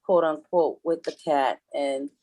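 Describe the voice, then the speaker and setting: A woman's voice: low voice, fairly even intonation, a little slow, dark tone. A woman co-hosting a casual spiritual talk show, emphatic and given to repeating her points. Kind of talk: casual chat, live reading session.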